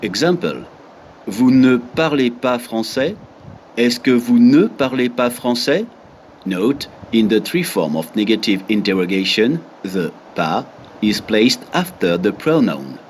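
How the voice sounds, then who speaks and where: A man reading a French textbook lesson aloud, deliberate and reading out examples one by one. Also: medium pitch, very animated, a little hiss or hum. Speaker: French teacher.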